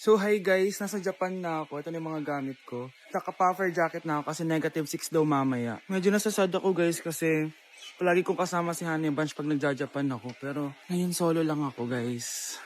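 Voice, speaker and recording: A woman with a Filipino accent acting out comedy skits in many roles, loud and exaggerated. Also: sits low, a little fast, slight background noise.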